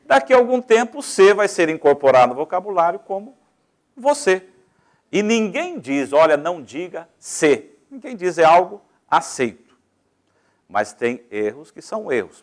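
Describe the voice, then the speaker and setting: Speaking in a slightly high voice, a Brazilian Portuguese–accented man lectures didactically on public speaking, walking through each step and shifting his volume and pace at will.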